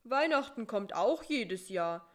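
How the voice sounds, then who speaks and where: A woman voicing a sleepy, timid male spider who answers in a slow, know-it-all way. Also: a little high, animated.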